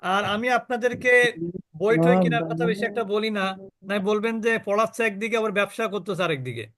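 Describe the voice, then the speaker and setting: A man teaching Quran recitation in a call-and-response lesson. He draws each example word out very slowly, then explains in quick bursts. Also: sits high, expressive, a bit bright.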